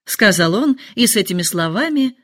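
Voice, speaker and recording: Expressive woman narrating a novel. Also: mid-range voice, normal speed. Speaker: audiobook narrator. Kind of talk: scripted narration.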